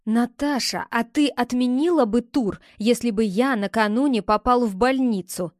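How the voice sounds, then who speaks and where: A woman's voice: fairly high pitch, moderate pace, no room sound, clean studio sound, close to an everyday voice. A woman voicing a young man, a tense ex-boyfriend who pleads and then turns curt and defensive, in an audiobook. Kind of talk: audiobook character reading.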